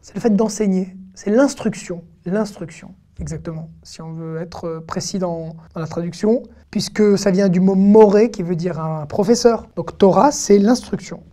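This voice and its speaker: A woman teaching an online language lesson, saying each word slowly and clearly several times before she explains it. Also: mid-range voice, dark tone. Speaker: Hebrew teacher.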